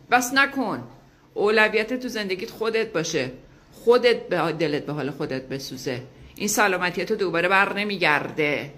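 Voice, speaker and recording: A woman's voice: lowish voice, fairly bright tone. A woman giving a motivational talk, speaking emphatically and asking her listeners rhetorical questions.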